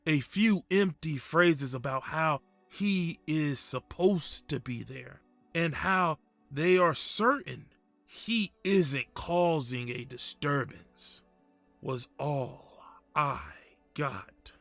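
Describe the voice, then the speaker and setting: Man acting a slow, haunted horror narrator, hushed. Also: fairly high pitch, lively intonation, creaky, no room sound, faint music behind, heavily acted. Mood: weary unease. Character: frightened confused man haunted by screaming apparition, wry. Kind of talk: first-person horror story narration.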